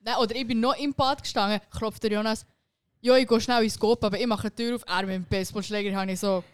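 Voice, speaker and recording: Woman in a casual chat, fairly high voice, dry sound. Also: steady tone, quick pace, clean tone, no echo. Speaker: friend in conversation.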